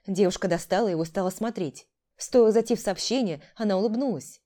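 Brief: female audiobook narrator, measured and dramatic, mid-pitched. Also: dark tone.

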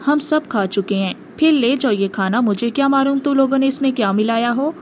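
A woman's voice: sits high, slight background noise, lightly acted. A woman reading the part of a frightened, stubborn young male captive in an audiobook, by turns defiant and fearful. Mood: suspicious.

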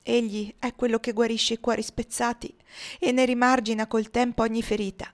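A woman voicing a gentle, grave middle-aged mistress of a household who speaks softly and consolingly. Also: a little high, level tone, normal speed, natural voice. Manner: soft, consoling.

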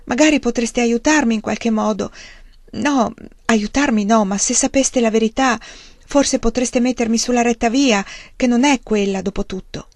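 A woman's voice: medium pitch, fairly even intonation, brisk, a little mellow, no echo, clean studio sound, natural voice. A woman reading the lines of an earnest, troubled young woman who speaks in a pleading, sincere way.

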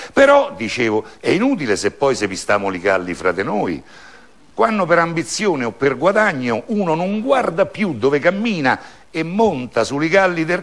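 A man recites a verse fable, his pitch rising and falling widely as he tells the story. His voice has a gravelly edge, and he moves freely between quiet asides and bright, lifted lines. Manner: storytelling recitation with lively swings of tone. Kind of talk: recited dialect poem.

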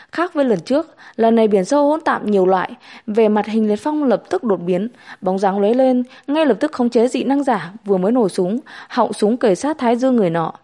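Female audiobook narrator, steady storyteller, fairly high, mellow voice. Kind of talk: novel narration.

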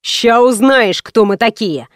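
A woman reading an audiobook, voicing a male gang leader in a gruff, lowered, threatening voice. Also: lively intonation, slow pace, no room sound, studio quality. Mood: menacing. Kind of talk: audiobook character voice.

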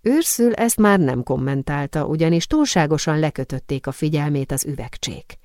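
Calm audiobook narrator, woman; low, warm tone. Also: dry recording, studio quality. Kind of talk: scripted narration.

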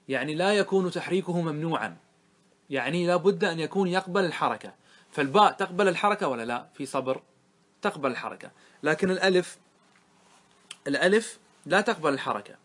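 A man's voice: a little high, fairly bright tone. A man teaching a grammar lesson to a class, explaining the rules and checking often whether his students follow. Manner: asks students quick check questions; chants verses slowly. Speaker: sheikh teaching Arabic grammar. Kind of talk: classroom lecture explaining verse.

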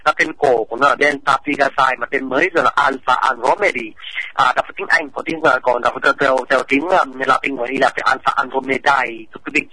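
A man's voice: medium pitch, quick pace, few pauses, sharp tone, slightly rough, dry recording, rough recording. Hesitant, explanatory male radio presenter. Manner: explanatory, formally addresses listeners, frequent hesitations. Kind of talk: educational radio talk.

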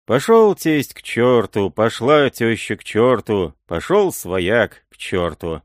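A man's voice: on the low side, sing-song, slow, no echo, studio quality. A man reading an audiobook, voicing a young village groom who chants a folk song in a sing-song way. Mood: chanting.

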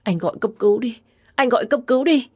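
A woman's voice: deep voice, unhurried, darkish tone. A woman voicing a meek, devoted young pregnant daughter-in-law in a storybook reading. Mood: desperate. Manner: pleading, tearful in grief.

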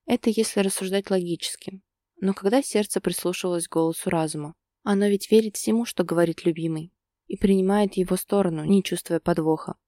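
A woman narrating a romance story in steady, scripted audiobook style. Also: lowish voice, a little fast, no echo, clean studio sound.

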